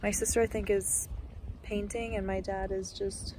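A woman's voice: medium pitch, normal speed, background noise. A young woman chatting casually in a travel vlog, talking into a phone held at arm's length outdoors. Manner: chatty, relaxed, with fillers and likes. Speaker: vlogger. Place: outdoors at a lakeside forest campsite.

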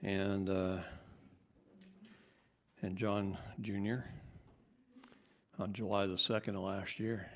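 A man giving a live seminar talk to an audience, animated and jokey, his voice climbing high when he gets worked up. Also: slow pace, vocal fry, long pauses, slight background noise. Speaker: seminar speaker.

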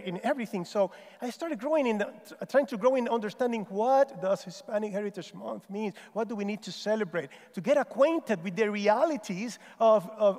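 High-voiced Puerto Rican man in a hall. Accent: Puerto Rican Spanish. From Puerto Rico. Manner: animated, gesturing, self-deprecating humor. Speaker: chapel speaker. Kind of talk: chapel talk with stories. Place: large stage in an auditorium. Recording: long hall reverb.

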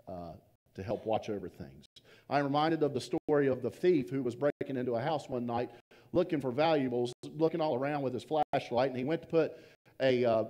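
Pastor guy preaching, mellow dark voice, gets quiet on the big words, storyteller vibe. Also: mid-range voice. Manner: storytelling, trailing off softly for emphasis. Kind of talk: sermon.

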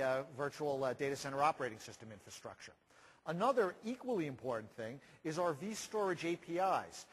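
A man in his forties speaks from a big keynote stage in a slightly husky, somewhat high voice. He explains things in a measured way, pausing often on "uh" as he goes. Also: rough recording. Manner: measured, explanatory, frequent uh fillers. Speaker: keynote presenter. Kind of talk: conference keynote talk. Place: large conference hall stage.

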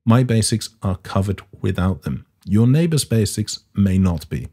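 A man's voice: lowish voice, lively intonation, a little slow, warm tone, slightly rough. A man narrating a casual science history explainer in a dry, irreverent way, with the odd swear word. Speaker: science video host.

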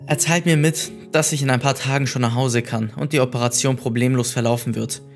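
A man reading horror stories aloud in a measured, scripted way. His voice sits at an ordinary middle pitch, with faint music playing underneath. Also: fairly even intonation. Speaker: narrator.

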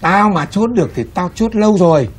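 An actor playing a bossy, blustering middle-aged village uncle in a comedy film. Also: male voice, sits high, expressive, a little fast, slightly rough.

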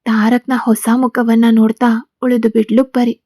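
Flat-voiced woman reading a story. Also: a little high, measured pace, dry recording. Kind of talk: scripted narration of a serial story.

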